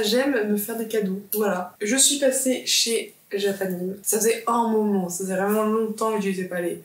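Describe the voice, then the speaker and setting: Student vlogger, woman in her 20s, casual rambling chat with lots of self-corrections, mid-pitched, echoey room. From France.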